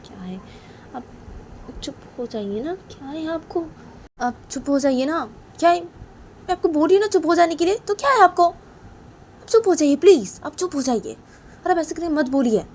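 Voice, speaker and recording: A woman's voice: sits high, a little hiss or hum, pitched above the performer's own voice. A woman voicing a young woman who keeps pleading with her father and her partner. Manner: pleading, repetitive, soft then insistent.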